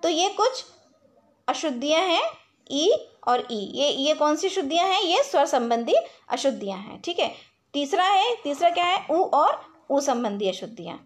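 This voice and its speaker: A woman teaching a recorded class, her voice sitting high. She explains each point slowly, repeats it, and asks questions that she then answers herself. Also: very animated. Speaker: school teacher.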